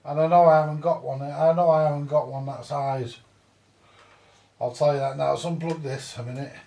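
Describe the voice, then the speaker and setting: Recorded with roomy echo on a distant mic, a British man who repairs vintage audio gear talks casually through his hands-on work, muttering and occasionally swearing. His voice is a little high and warm with vocal fry, steady in tone, at normal speed.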